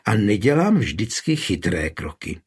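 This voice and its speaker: A man reading the part of a proud, quick-tempered young woman in an audiobook, with a husky voice. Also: on the low side, sing-song, full character voice. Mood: defiant.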